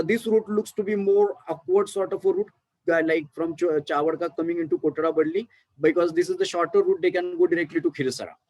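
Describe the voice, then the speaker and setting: Speaking in a high-pitched, slightly mellow voice, an Indian-accented archaeology lecturer explains his topic piece by piece, often stumbling with fillers and starting over. The audio is poor, though there's no room sound.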